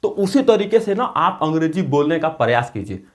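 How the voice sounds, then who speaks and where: A man's voice: a little high, big pitch swings, moderate pace. A man with a Bihari accent, Bhojpuri his first language, hosting a casual spoken-English lesson in a playful, folksy, joking way. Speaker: English-speaking tutor, channel host.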